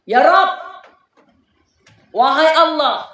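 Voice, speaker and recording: A man's voice: extremely high pitch, animated, extremely slow, pushed and bright, heavily acted. A male preacher with a South Sulawesi accent voicing a proud, scheming male devil who makes grandiose vows. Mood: boastful. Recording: echoey hall, voice far from mic.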